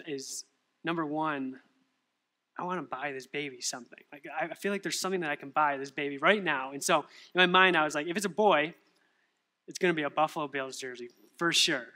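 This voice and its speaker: A young man preaches a sermon, his voice bright and forceful, sitting a little higher than most men's. He tells stories and throws rhetorical questions at the congregation with lively energy. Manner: animated storytelling with rhetorical questions. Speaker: pastor.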